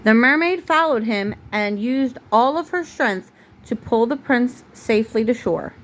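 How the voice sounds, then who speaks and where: Recorded at home with clear background noise, a mother-like reader goes through a storybook for her young child, breaking off now and then to reply patiently. Her voice is on the high side, fairly bright and unhurried, with lively intonation.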